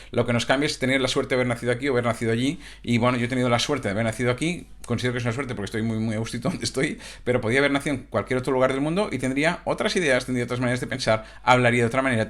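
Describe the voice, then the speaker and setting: A man's voice: mid-range voice, a bit bright. A man from Catalonia, a coach talking in a casual, reflective monologue that stumbles over restarts and tag questions. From Catalonia, Spain.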